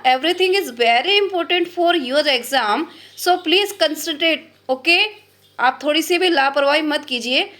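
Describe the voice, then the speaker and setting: Woman teacher with a high voice, explains step by step, keeps checking "okay?", throws in bits. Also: a bit bright. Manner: explains step by step, keeps asking "ठीक है?", drops in English phrases. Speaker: Hindi grammar teacher. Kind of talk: classroom-style online lesson.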